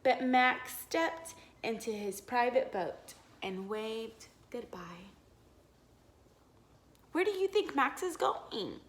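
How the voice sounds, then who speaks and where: A woman teacher reads a storybook aloud to young children, her fairly high voice expressive and encouraging. She stops now and then to ask them questions.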